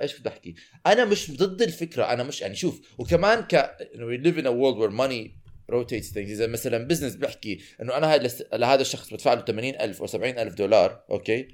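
A man's voice: mid-range voice, darkish tone. A man with a Levantine Arabic accent chatting casually as a podcast co-host, switching between Arabic and English mid-sentence.

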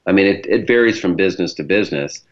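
A man's voice: sits low, fast talker, highs cut off. A man with a Great Lakes accent from Michigan, hosting a show in a chatty, explanatory way and addressing listeners directly. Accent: Michigan, Great Lakes American. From Michigan, United States. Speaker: podcast host, branding professional.

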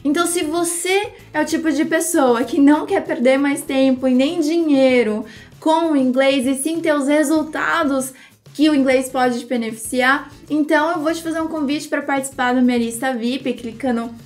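High-voiced Brazilian woman teaching English. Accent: Brazilian Portuguese. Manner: slow, drawn-out model words for repetition. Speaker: English teacher and channel host. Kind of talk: English pronunciation lesson.

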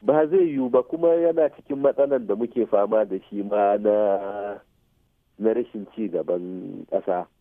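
This expert radio guest, a Nigerian man with a Hausa accent, has a fairly low, creaky voice and talks at normal speed. He mixes English technical terms into his explanations and confirms the listener follows with short tag questions. The sound is muffled and phone-like, with no echo.

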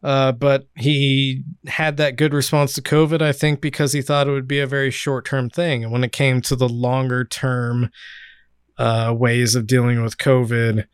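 A man's voice: mid-range voice, flat delivery, normal speed, clear, resonant tone, no room sound, studio quality. A man from California hosting a casual political podcast, sardonic and rambling, with many fillers. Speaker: podcast host.

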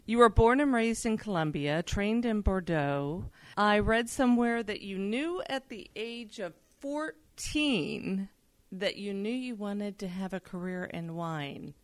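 A woman's voice: medium pitch, unhurried, no room sound. A woman hosting a podcast interview, openly admiring toward her guest. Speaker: podcast host.

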